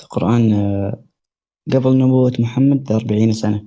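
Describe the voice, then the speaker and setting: A man's voice: mid-range voice, steady tone, dark tone. A man calling in, answering defensively and hesitantly in casual dialect. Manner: speaks fast colloquial dialect, defensive and hesitant. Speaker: caller. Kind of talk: casual phone-in reply.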